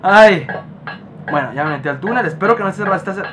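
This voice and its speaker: A man playing a horror game and talking to himself, panicking often and repeating words fast. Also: high voice, lively intonation, noisy background. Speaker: gaming youtuber. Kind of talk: horror game let's play. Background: loud game music.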